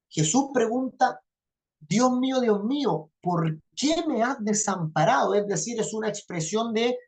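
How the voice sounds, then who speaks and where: A woman's voice: medium pitch, darkish tone. Lady giving a bible class lecture, keeps asking if ppl follow, repeats herself to drive it home. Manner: checks understanding with frequent "¿ya?"; repeats phrases for emphasis. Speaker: Bible teacher.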